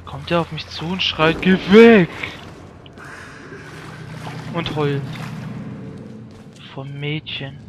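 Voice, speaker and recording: A man's voice: on the high side, level tone, takes it slowly, pauses often, lo-fi sound, background noise. Jokey man commenting on a horror game. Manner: jokey, self-mocking running commentary; yelps and shouts when startled. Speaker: let's play gamer. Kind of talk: let's play commentary.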